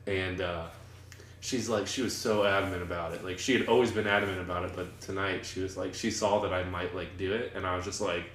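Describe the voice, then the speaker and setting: A man's voice: low-pitched, fairly even intonation, a little fast, a bit bright, reverberant, slight background noise. A young man co-hosting a podcast in casual chat, laid-back and teasing. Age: young adult. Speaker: podcast co-host.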